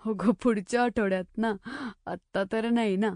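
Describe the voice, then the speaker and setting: A woman's voice: on the high side, steady tone, moderate pace, darkish tone, no room sound, studio quality, close to an everyday voice. A woman voicing a young schoolboy who grumbles and teases his friends. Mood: grumbling. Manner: teasing, grumbling.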